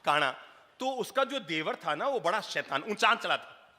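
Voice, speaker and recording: A male spiritual teacher, his voice very bright and somewhat high, tells lively stories and keeps asking his listeners questions. A long hall reverb trails every phrase. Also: measured pace. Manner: lively, repeats key phrases, asks the audience questions. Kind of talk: storytelling sermon.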